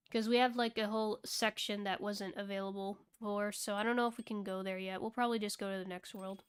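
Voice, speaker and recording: A woman's voice: medium pitch, fairly bright tone, clean tone. Chatty woman streaming a game. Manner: chatty, thinks aloud, answers chat. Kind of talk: casual gameplay commentary. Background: game music.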